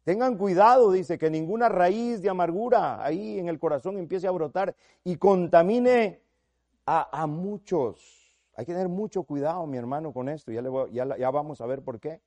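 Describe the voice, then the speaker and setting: A middle-aged male preacher delivers an earnest sermon. His voice sits a bit high for a man yet sounds warm and mellow, recorded close and dry. He keeps turning to the listener as a brother, rising loud to stress a point and sinking quiet after. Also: moderate pace, dry recording. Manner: earnest, addresses listeners as "mi hermano"; swells loud for emphasis, then drops low and soft.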